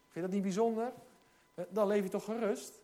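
A man's voice: high voice, fairly even intonation, a little fast. A man preaching a sermon, urgent and exhorting, reading scripture with emphasis. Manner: dramatizes hesitant voices in hushed tone.

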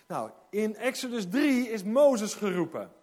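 A man's voice: sits high, sing-song, a little slow. A man preaching a sermon, urgent and exhorting, reading scripture with emphasis. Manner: dramatizes hesitant voices in hushed tone.

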